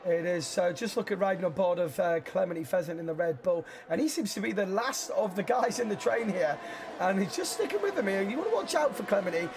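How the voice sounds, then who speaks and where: Very high-pitched, creaky male motorsport commentator. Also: animated, fairly quick, background noise. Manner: motorsport commentator delivery, conversational and hesitant. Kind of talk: live esports racing race commentary.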